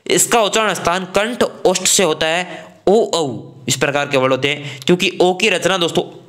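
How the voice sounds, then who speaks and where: Casual male grammar teacher, higher voice. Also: moderate pace, fairly bright tone. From Rajasthan. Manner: casual, addresses students as friends, sounds out vowels. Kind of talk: online exam-prep grammar class.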